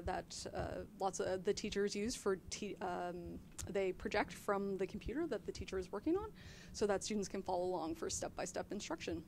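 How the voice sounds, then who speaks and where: A woman's voice: medium pitch, mellow, slight background noise. A woman, a print technician, giving a chatty guided tour of a computer lab, with frequent fillers.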